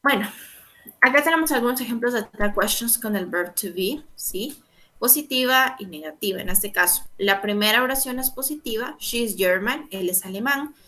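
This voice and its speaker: A woman's voice: on the high side, lively intonation, normal speed, pushed and bright. A woman teaching an English grammar lesson, explaining patiently and checking in with "¿verdad?" again and again. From Guatemala. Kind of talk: online lecture explaining grammar.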